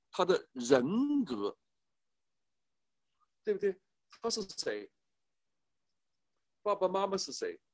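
Middle-aged male church speaker, sermon delivery, high and very lively pitch, emphatic with rhetorical questions. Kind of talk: sermon on parenting.

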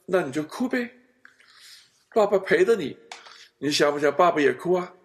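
A man's voice: high-pitched, normal speed. A male pastor in a counseling chat, telling family stories and acting out the scenes as he goes. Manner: animated storyteller, acts out family scenes.

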